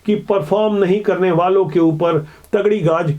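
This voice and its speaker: A man presenting political news commentary in a measured, explanatory way. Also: high voice, fairly even intonation, darkish tone, muffled recording. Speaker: news anchor.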